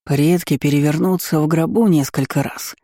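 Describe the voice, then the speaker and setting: A woman voicing a pompous, drunken middle-aged baron who speaks slowly and scornfully. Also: deep voice, mellow, no echo, studio quality. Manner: slow, scornful, clipped.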